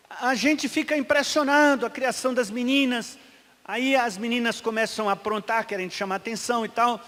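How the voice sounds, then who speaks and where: Middle-aged male pastor, high voice, booming then hushed, church hall with long reverb. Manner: emphatic preaching that swings between loud and hushed. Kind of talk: sermon.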